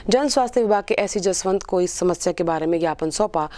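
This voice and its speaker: Dark-toned woman reading a news voice-over. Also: on the low side, fast, no room sound. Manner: steady, formal. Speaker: news narrator.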